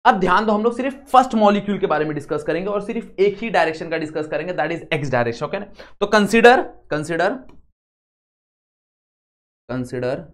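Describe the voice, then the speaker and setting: A young man with an Indian accent giving a physics lesson, going slowly step by step and often asking the class yes or no. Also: sits high. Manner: repeats steps, quizzes students often. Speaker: physics teacher. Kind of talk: classroom lecture.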